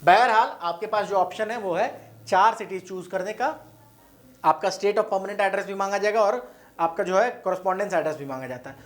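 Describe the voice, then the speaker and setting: A man's voice: high voice, normal speed, a bit bright. Man coaching students, self-correcting. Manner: reads out long lists, stumbles and corrects himself; casual, direct address to students. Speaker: exam coaching teacher. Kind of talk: explanatory online lesson.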